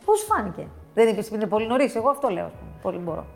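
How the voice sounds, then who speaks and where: A woman's voice: medium pitch, sing-song, gravelly, soft background music. A woman co-hosting a casual talk show, asking playful, direct questions. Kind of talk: casual chat.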